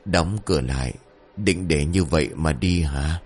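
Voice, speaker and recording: A man voicing a young boy who puts on a hoarse, breathless ghost voice to scare a burglar. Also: a little mellow, full character voice. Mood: menacing. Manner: low, breathy, drawn-out menace.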